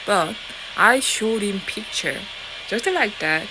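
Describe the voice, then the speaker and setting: Talking slowly in a mid-range voice, a woman with a Korean accent rambles defiantly at her audience, swearing and using lots of fillers and false starts. Steady, loud noise fills the background.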